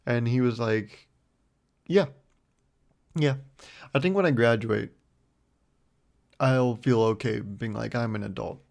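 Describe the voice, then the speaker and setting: A man's voice: slow, vocal fry, long pauses. A man in his twenties talking casually and rambling on his solo podcast, self-deprecating, recorded close on a mic with a foam windscreen. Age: 20s. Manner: rambling and self-deprecating, lively swings in pitch. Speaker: podcast host.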